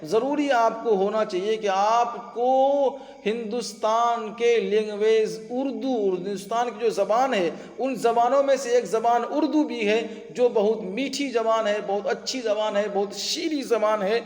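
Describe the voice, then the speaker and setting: A man's voice: high-pitched, hardly any pauses, a little mellow. A man teaching grammar online, drilling students with questions and answers. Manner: addresses students as companions. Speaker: Urdu teacher. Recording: echoey room with long reverb.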